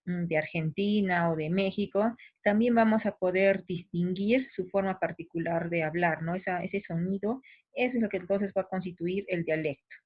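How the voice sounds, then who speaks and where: Peruvian provincial accent, woman teacher, patient and explanatory, talks straight to students, tinny phone-quality sound. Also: medium pitch. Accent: Peruvian provincial Spanish. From Peru. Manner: patient, explanatory, often restarts and addresses students directly. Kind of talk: recorded class explanation.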